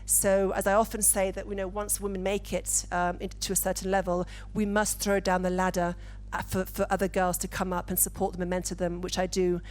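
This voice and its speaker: A woman from the UK speaking as a panelist, measured and deliberate, on a conference stage with a handheld mic. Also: mid-range voice, little pitch movement. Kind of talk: panel discussion.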